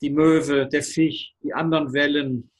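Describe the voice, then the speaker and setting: A man's voice: on the high side, little pitch movement, unhurried, crowd noise, close to an everyday voice. A man telling of a small frightened wave. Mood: yielding. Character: small anxious wave, fearful, clinging to itself.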